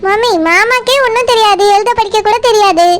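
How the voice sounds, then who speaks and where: A woman's voice: very high voice, fairly quick. A woman voicing a worried young adult daughter in a cartoon, with a Tirunelveli Tamil accent and a doubtful, questioning manner. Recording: loud background noise.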